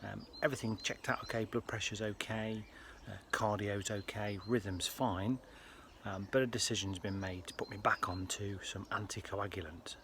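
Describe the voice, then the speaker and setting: A British man with a fairly low voice talks to his viewers in a casual personal vlog. His delivery is earnest and halting. There is faint ambient noise behind him. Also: fairly even intonation, a bit bright. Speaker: health vlogger.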